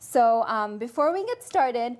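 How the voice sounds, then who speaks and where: Talking directly to camera in a studio kitchen, a young adult dietetics student from California hosts a cooking segment with cheerful enthusiasm. She speaks unhurriedly in a higher voice with lively intonation.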